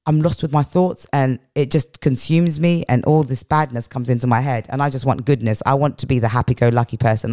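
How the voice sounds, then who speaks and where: This English podcast guest, a middle-aged woman, reflects on her own life in an interview, leaning on repeated phrases for weight. Her strong, powerful voice rumbles low with a dark tone, and the recording is dry, clean studio sound.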